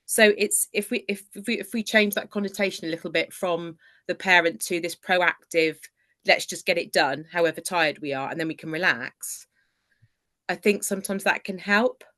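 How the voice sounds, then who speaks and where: A woman's voice: fairly low pitch, normal speed, a bit bright. A woman who works as a coach, sharing her experience on a group call in an earnest, hesitant way, with fillers and restarts. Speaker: coach and book club member. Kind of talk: casual group video call.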